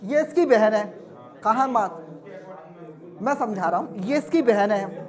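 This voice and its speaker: A man's voice: high voice, expressive, a little slow. A man teaching a classroom lesson, drilling students with repeated questions and answers and scolding them now and then.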